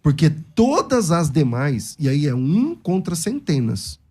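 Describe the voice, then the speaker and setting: A pastor with a Brazilian Portuguese accent argues a point of scripture energetically in a theological debate, quoting verses with shifting intonation. His voice is on the high side, a little slow, with a breathy edge.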